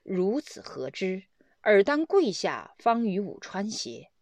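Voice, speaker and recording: Brief: a stern old male immortal, put on by a woman storyteller, slow, lofty and scolding. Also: medium pitch, sing-song, a little mellow, no echo.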